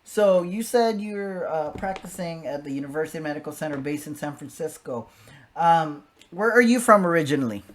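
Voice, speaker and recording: A man's voice: a little high, lively intonation, normal speed. A man hosting a live-streamed interview show, apologetic and flustered by technical glitches. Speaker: host.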